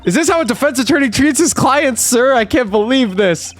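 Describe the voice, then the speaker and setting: A fragile young woman on trial, voiced by a man putting on a high falsetto that climbs steeply as she protests. She sounds indignant and hurt, her voice lively and strained at the top of its range. There is faint music behind her. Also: brisk. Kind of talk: video game voice-over for a stream.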